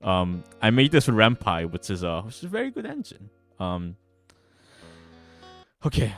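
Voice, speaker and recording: Guitar music accompanies a game developer's casual livestream chat, which includes some read-aloud narration. He stammers and repeats words. His voice is fairly low and a bit bright, swooping wildly in pitch at a moderate pace.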